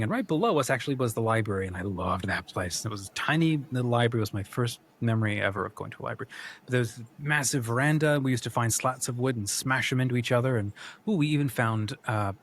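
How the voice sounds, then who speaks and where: A man's voice: medium pitch, fast talker, slight background noise. New man telling rambling stories. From New Zealand. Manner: rambling nostalgic storytelling. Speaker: podcast co-host. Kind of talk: casual chat.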